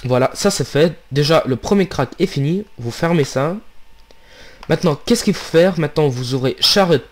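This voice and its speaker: A man casually narrating a software tutorial, hesitant and halting as he talks through each click. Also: fairly high pitch, expressive. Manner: hesitant, many fillers and restarts, steps through clicks. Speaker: tutorial maker.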